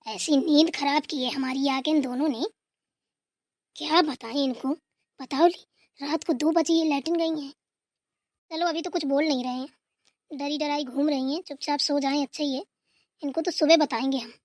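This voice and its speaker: Brief: woman doing bossy nagging old mother-in-law, high voice, dry close sound. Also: steady tone, normal speed, pauses often, no room sound, close to an everyday voice. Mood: scolding. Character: scolding older mother-in-law, grumpy and sleepy. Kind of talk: comic family skit.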